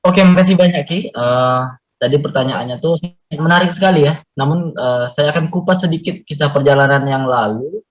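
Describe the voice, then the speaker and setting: A man's voice: on the high side, normal speed. A man speaking earnestly and reflectively as a guest in an online community meeting, with frequent fillers, heard over a video call. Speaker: guest poet and mountain climber. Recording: muffled online call audio.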